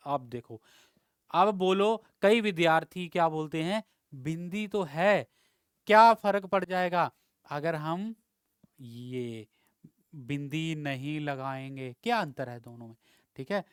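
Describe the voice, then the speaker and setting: A man's voice: fairly high pitch, a bit bright, clean tone, no room sound, clean studio sound. A male teacher giving an exam-prep Hindi lesson, explaining words with rhetorical questions and frequent checks of "ठीक है".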